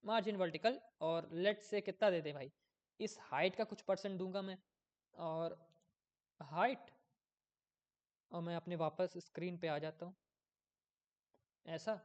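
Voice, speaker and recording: A man's voice: high voice, a little slow, long pauses. A man giving a casual coding tutorial, thinking aloud as he works, often losing his place and checking in with viewers.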